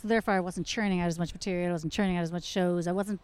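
A woman's voice: on the low side, steady tone, racing, a little mellow, clean tone. A woman, a comedian and actress chatting on a podcast with wry, teasing banter. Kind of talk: casual chat.

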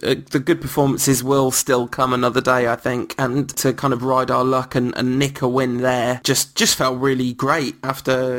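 A man's voice: mid-range voice, a bit bright. A man hosting a casual football podcast, talking in a rambling, self-mocking way with many restarts. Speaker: podcast host.

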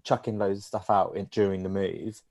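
A man co-hosting a podcast, chatting casually, giggly and animated, laughing often. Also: low voice, normal speed, vocal fry. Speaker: podcast co-host. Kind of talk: casual chat.

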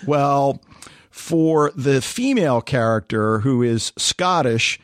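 A man's voice: mid-range voice, animated, slow, clear, resonant tone, dry recording, studio quality. A man co-hosting a podcast, chatting casually and telling stories with animation. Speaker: podcast co-host.

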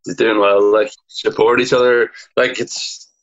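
A man's voice: lowish voice, little pitch movement, measured pace, highs cut off. A man in his twenties with a Donegal Irish accent, chatting casually and colloquially as a guest, peppering his sentences with "like". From Donegal, north-west Ireland. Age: 20s. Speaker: podcast guest, amateur Gaelic footballer. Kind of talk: casual chat.

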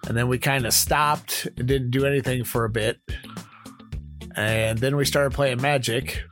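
A man co-hosting a podcast, talking in a halting way and restarting his sentences. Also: medium pitch, steady tone, fairly bright tone, soft background music. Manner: slow, halting, starts over often. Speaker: podcast co-host. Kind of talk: casual chat.

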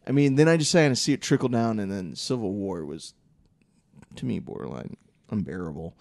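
A man's voice: on the low side, animated, a little fast, creaky, a little mellow, no room sound. Casual man in a dry-sounding film discussion. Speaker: podcast panelist.

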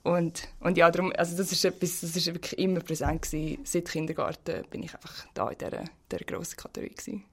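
A woman with a Swiss German accent talks quickly in a lowish voice, chatting frankly as a guest. She often restarts her sentences mid-thought. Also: steady tone, breathy edge. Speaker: interview guest. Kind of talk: casual personal conversation.

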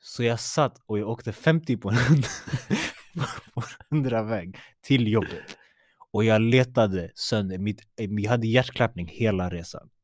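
Animated man telling a story. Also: on the low side, no room sound, clean studio sound. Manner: animated, mixes in English phrases. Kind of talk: casual storytelling.

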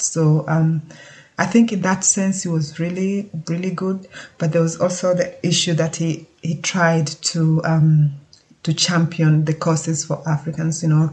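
A speaker talks casually and thoughtfully to the camera, often stopping to search for the right words. The intonation stays flat and level, with little rise and fall. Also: medium pitch. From Kenya. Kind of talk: casual spoken update.

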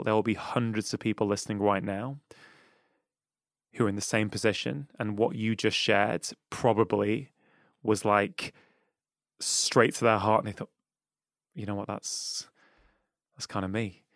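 A Mancunian man from England hosts a reflective podcast interview, thoughtful and earnest, often saying "you know." His fairly low, steady voice has vocal fry and a fairly bright tone, unhurried with frequent pauses. The recording is dry and clean, studio-quality.

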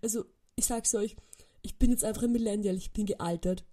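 A woman's voice: mid-range voice, fairly even intonation, brisk, mellow. A woman in her twenties with an Austrian accent, chatting casually on her podcast, telling stories and mixing in English phrases. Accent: Austrian German. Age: 20s. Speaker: podcast host. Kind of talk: casual solo chat.

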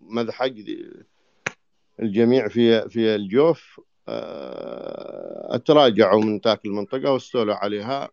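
Low-voiced sheikh on a dull distant line. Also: male voice, wildly swooping pitch, creaky, darkish tone. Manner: halting, with many restarts and drawn-out fillers. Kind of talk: casual talk in an online voice chat.

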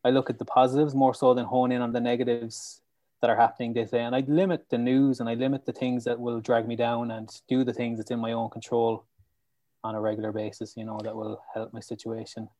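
A man's voice: mid-range voice, little pitch movement, brisk, dark tone, no room sound. An Irish man chatting casually as a podcast guest, upbeat and earnest. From County Clare, Ireland. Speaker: podcast guest, mental health educator. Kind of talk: casual interview chat. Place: room at home, on a remote call.

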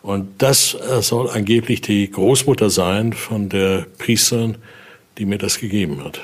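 With a fairly low pitch and an unhurried delivery, an older man explains items from a collection as a researcher would, in a conversational manner. He talks in German, makes the grammar mistakes of a non-native speaker, and frequently tacks question tags onto his sentences.

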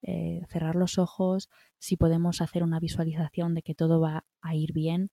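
Speaking at a normal speed in a low, mellow voice with vocal fry, a middle-aged woman with a Spain Spanish accent delivers her self-care advice completely flat. As a wellbeing guest, she still encourages and reassures, checking in often with little tag questions. The sound is dry and clean, like a studio.

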